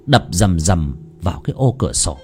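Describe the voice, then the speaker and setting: A man narrating a ghost story in an expressive, dramatic way. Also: moderate pace, faint music behind. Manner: expressive, swooping between high and low.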